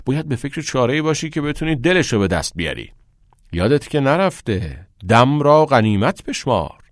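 A man's voice: mid-range voice, big pitch swings, no echo, studio quality, close to an everyday voice. A man voicing a level-headed schoolboy who scolds and encourages his friends. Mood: chiding.

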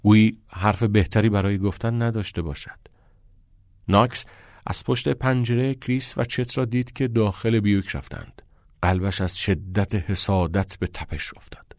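A man's voice: on the low side, no room sound, clean studio sound. Man narrating an audiobook. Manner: measured storytelling. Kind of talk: scripted narration.

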